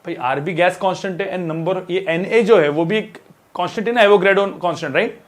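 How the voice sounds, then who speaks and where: High-voiced man teaching physics. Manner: talks while writing on a board, drawn-out words, many filler checks. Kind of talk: casual classroom lecture.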